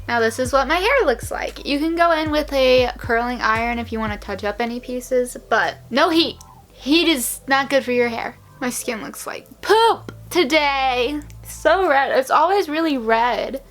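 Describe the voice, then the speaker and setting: A young woman talks through a hair tutorial at home, chatty and quick to poke fun at herself. Her voice sits a little high. Soft music plays faintly beneath her. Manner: chatty, self-mocking, rambling asides. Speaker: beauty vlogger. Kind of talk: casual hair tutorial chat.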